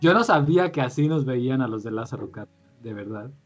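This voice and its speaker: Husky Mexican man telling stories. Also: medium pitch, fast talker, muffled recording. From Michoacán, Mexico. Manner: animated storyteller, quotes others. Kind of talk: casual podcast chat.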